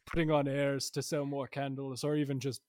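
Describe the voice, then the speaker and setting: A man's voice: mid-range voice, little pitch movement, fairly quick, darkish tone, no room sound, studio quality. A man playing a flustered, exasperated customer in an improv comedy scene. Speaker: improv performer.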